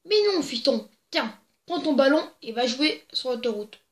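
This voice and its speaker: Giggly high-voiced young woman telling jokes. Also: animated, normal speed. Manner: giggly, rambling, crude asides. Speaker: joke-telling video host. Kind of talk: casual joke reading to camera. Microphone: plugged-in desk microphone. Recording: echoey room.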